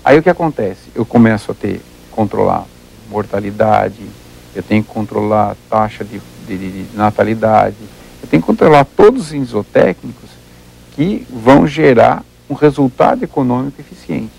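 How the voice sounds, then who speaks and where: A man's voice: on the low side, animated, normal speed, gravelly, darkish tone, slightly rough, low-quality recording. A Brazilian man, a livestock researcher as an interview guest, explaining at length and working through examples, often repeating words as he thinks.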